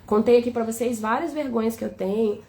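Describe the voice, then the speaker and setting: A woman's voice: on the high side, brisk, dark tone. A woman with a Brazilian Portuguese accent giving a tender, flowing spiritual talk on a live stream, often asking "né?".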